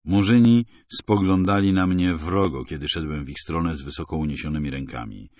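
A man with a low, steady voice narrates a tense first-person thriller. His delivery is wry and hard-boiled, measured and unhurried. The recording is close and dry. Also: dry recording. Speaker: audiobook narrator.

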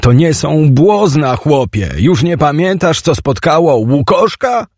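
A stubborn young schoolboy shouts in a lifted, husky voice, played by a man narrating. The recording is dry and close, with a gravelly texture underneath. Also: a little high, very animated, a little slow, no echo, voice pushed up, full character voice. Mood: scolding.

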